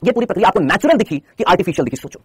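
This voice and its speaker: A man gives a fast lecture in a high, husky voice, and his pitch swings widely. He keeps firing questions at his class and answering them himself in a repetitive coaching tone. The sound is close and dry. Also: big pitch swings, no echo. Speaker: teacher.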